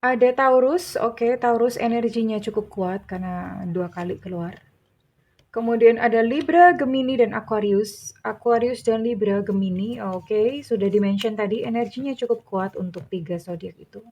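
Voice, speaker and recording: A woman's voice: fairly high pitch, moderate pace, a little mellow. A middle-aged woman, reading tarot cards in a casual, chatty way, teasing and laughing as she talks. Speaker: tarot reader.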